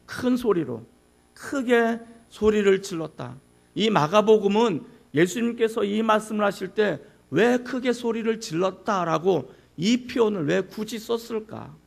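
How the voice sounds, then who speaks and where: A man's voice: high-pitched, creaky. A male pastor preaching a sermon, who asks the congregation questions and acts out anguished cries.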